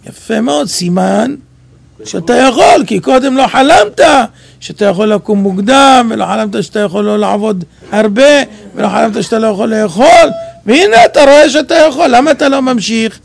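A man giving an animated sermon, telling stories and acting out dialogue, sometimes rising to shouts. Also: very high voice, vocal fry. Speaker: rabbi preacher.

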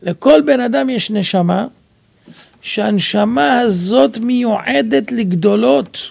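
A man giving an animated sermon, telling stories and acting out dialogue, sometimes rising to shouts. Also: extremely high pitch, creaky, no room sound. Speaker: rabbi preacher.

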